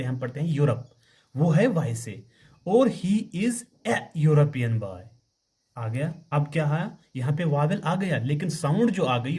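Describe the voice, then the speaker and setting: Man as a patient grammar teacher with a lively, rising and falling pitch, who quizzes and answers himself. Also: slightly rough. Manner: slow, spells words letter by letter, asks and answers his own questions. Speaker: English teacher. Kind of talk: classroom grammar lesson.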